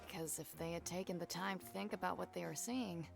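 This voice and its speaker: An actress voicing a composed, proud adult female violinist in game dialogue, telling her story with measured, dry disdain. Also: on the low side, fairly even intonation, gravelly, music in the background. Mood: wry. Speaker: violinist character.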